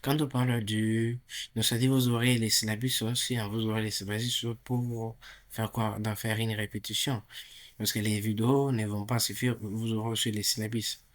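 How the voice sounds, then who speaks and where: Low-voiced man teaching English grammar. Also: flat delivery. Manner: repeats drill phrases slowly and louder; many fillers and restarts. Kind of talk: recorded grammar lesson.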